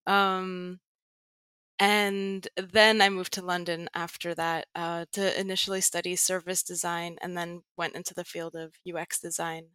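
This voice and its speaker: A young adult woman from Greece, speaking with an American accent, appears as a podcast guest; she's a tech writer and educator who explains things patiently and leans on frequent fillers. Her fairly low voice barely moves in pitch and keeps a measured pace, with a bright, forceful, clean tone. The recording is dry.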